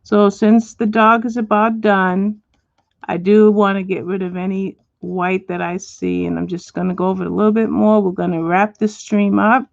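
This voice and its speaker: A woman hosting a home livestream as she colors. She chats with viewers and answers them by name, and now and then she drops to a soft whisper. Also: mid-range voice, flat delivery, moderate pace, creaky, no echo, dull audio. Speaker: livestream host. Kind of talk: casual chat while coloring, reading viewer comments. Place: at home, indoors.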